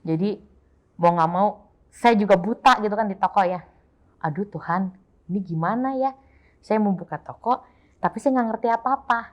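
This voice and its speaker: A woman's voice: mid-range voice, moderate pace, pauses often. Woman sharing a heartfelt testimony. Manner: emotional, repeats herself, quotes others in lively voices. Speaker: guest sharing her testimony. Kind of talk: casual personal testimony.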